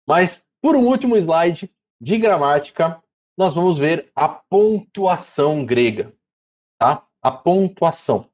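A man teaching a casual lesson, chatty and spelling out syllables slowly. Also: fairly high pitch, animated, a little mellow. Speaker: Greek teacher.

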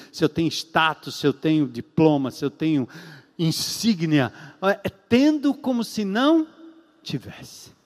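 A man preaching a sermon as a pastor, emphatic and repetitive, with long pauses and rhetorical questions. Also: high voice, long reverb tail.

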